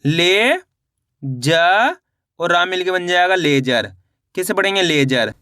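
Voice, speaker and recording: Male reading teacher, high bright clean voice, slow patient syllable drills, dry close mic. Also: sing-song, smooth, no echo. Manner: slow, patient syllable-by-syllable spelling with repeated questions to viewers. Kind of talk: online reading lesson.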